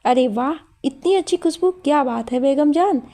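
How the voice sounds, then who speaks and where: A woman's voice: high voice, moderate pace, mellow, lightly acted. A woman voicing an older, jovial husband who teases in a cheerful way, in a storybook reading. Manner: jolly and teasing.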